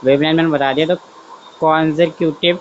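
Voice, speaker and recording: Brisk and on the high side, with fairly even intonation, a male science teacher is heard in lo-fi sound with slight background noise. His online lesson is conversational, peppered with "theek hai," and he thinks aloud while drawing. He self-corrects and asks whether students are keeping up.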